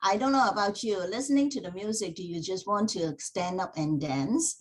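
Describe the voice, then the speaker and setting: A woman's voice: mid-range voice, normal speed. A woman from Hong Kong with a Hong Kong accent, presenting over a video call for a tourism board in a friendly, hesitant way with many uhs. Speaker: tourism board marketing manager. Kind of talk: webinar presentation.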